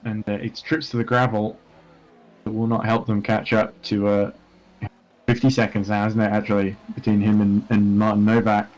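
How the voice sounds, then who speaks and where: A man's voice: lowish voice, little pitch movement, moderate pace, darkish tone. A man giving live commentary on a sim race, working through gaps and strategy with frequent fillers.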